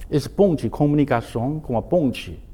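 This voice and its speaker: Teaching his course informally, a Taoist master speaks broken, simple non-native grammar and often restarts words. His voice is husky, dark, and animated at normal speed. It jumps up in pitch when he tells stories.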